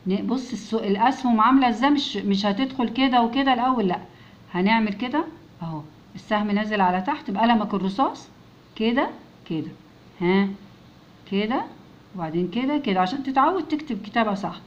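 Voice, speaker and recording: A woman with an Egyptian Arabic accent teaching a children's English lesson, patiently repeating words slowly so the children can echo them. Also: on the high side, lively intonation, muffled recording.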